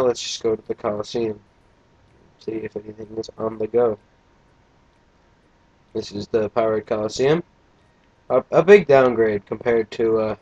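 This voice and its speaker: A man's voice: on the low side, darkish tone, slightly rough, no room sound, muffled recording. A young man casually commentating a video game, tired and yawning, with a crude, joking, rambling manner. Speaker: let's play gamer.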